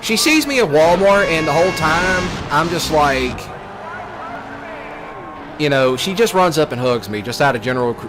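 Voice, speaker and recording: Game music and vehicle noises play behind this Mississippi man's let's play commentary. He's young, with a Southern US accent and a fairly high, expressive voice at normal speed, and he pauses often while rambling and ranting in a jokey, self-deprecating, colloquial way.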